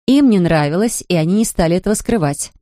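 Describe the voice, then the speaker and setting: A woman narrating an audiobook in a measured, expressive storytelling manner. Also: fairly low pitch, no echo, studio quality. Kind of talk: scripted narration.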